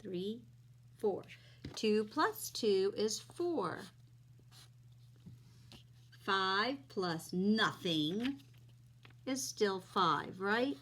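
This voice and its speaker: Female children's teacher in kids' show host mode. Unhurried delivery, mid-range voice, simple step-by-step phrasing. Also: medium pitch, animated, fairly bright tone. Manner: simple, step-by-step explaining with questions to young listeners.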